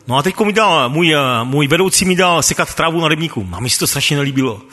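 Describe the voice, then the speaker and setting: A man's voice: fairly high pitch, animated, pushed and bright, long reverb tail. A man sharing a personal faith testimony as a ministry worker, stammering through restarts and chuckling often.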